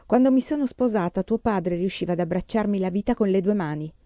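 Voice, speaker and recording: A woman's voice: mid-range voice, fairly quick, mellow, no room sound, muffled recording, close to an everyday voice. A woman reading the part of a firm, old-fashioned mother in a storybook, speaking in a matter-of-fact way.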